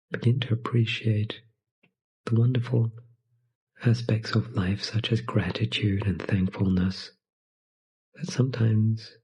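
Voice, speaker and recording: A man guides a meditation, his lowish voice soft, breathy and soothing, offering gentle short phrases separated by long pauses. The audio sounds dull.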